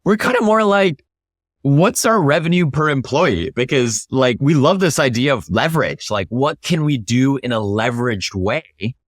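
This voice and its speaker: In a dry, studio-quality recording, a startup founder appears as an interview guest, his medium-pitched voice expressive at a normal pace. He lays out his thinking emphatically and conversationally, tossing in rhetorical questions.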